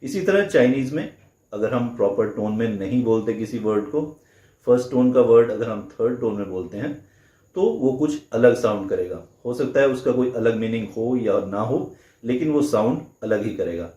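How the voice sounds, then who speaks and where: A man teaching a language lesson, explaining slowly and carefully, saying sounds aloud to demonstrate them. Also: medium pitch, expressive, mellow, echoey room.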